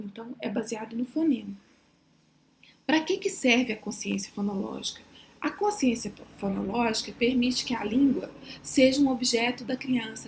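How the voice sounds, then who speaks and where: Brazilian woman lecturing, slightly high voice. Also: background noise. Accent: Brazilian Portuguese. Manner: explanatory, often ends points with a tag question; pronounces example syllables and words slowly. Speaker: university lecturer. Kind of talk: recorded distance-learning lecture.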